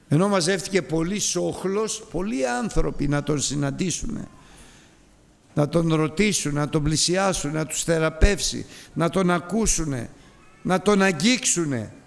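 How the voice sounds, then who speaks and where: A man delivering a sermon with a slightly higher-pitched voice. His delivery is impassioned and emphatic, building phrases through repetition and rising intensity. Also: sing-song, gravelly, long reverb tail. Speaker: preacher.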